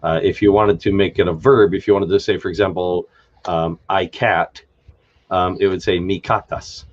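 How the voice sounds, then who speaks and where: A man with a very low voice talks through his invented language on a live stream, pausing with fillers and restarting his sentences. The audio is dull and lo-fi, with keyboard typing behind him. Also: fairly even intonation, slight background noise. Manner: thinking aloud, many fillers and restarts. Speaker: live stream host explaining a constructed language. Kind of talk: unscripted live stream chat.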